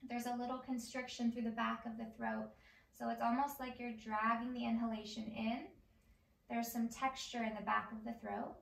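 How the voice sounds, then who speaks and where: A middle-aged woman leads a yoga class in a slightly high voice. Her delivery is measured and calming, with unhurried instructions. The sound is roomy, picked up by a microphone a little way off. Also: creaky, distant mic. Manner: slow, measured, calming guidance. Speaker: yoga teacher. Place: indoor home room, on a mat.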